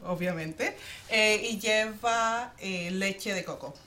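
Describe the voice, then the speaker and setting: A woman's voice: mid-range voice, slow pace, bright, forceful tone. A woman from Costa Rica, a business owner, chatting as a guest on a radio show in a friendly way. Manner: friendly, laughs easily. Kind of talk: casual interview chat.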